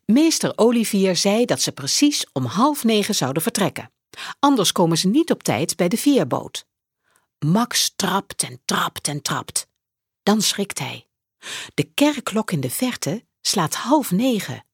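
A woman reading a children's book aloud as an audiobook, in an expressive storytelling manner. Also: mid-range voice, unhurried, breathy edge, dry recording, clean studio sound. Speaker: audiobook reader.

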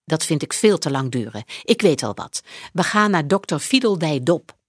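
A woman voicing a kind old man neighbor who speaks gently and with concern, in a children's audiobook. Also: low voice, big pitch swings, normal speed, no room sound, clean studio sound. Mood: kindly.

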